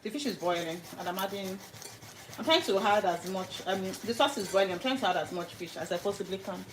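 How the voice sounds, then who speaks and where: Fast and animated, a Nigerian woman livestreams herself cooking at home, talking casually and greeting each viewer by name. She has a medium-pitched voice, and the echoey kitchen comes with background noise.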